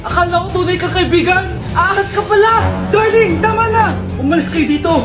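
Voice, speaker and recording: An extremely high, excitable comedy skit voice, exclaiming with melodrama. The sound is echoey, with music clearly behind it. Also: female voice, fairly quick. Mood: outraged. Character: excitable high-voiced characters in family squabble skits. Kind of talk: exaggerated comedy skit dubbing.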